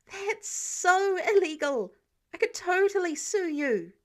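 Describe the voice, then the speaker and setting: A woman's voice: extremely high pitch, expressive, slow pace, voice pushed up, full character voice. A woman voicing an irritated, defiant young male superhero with a sassy, indignant manner in an audiobook. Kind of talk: audiobook character dialogue.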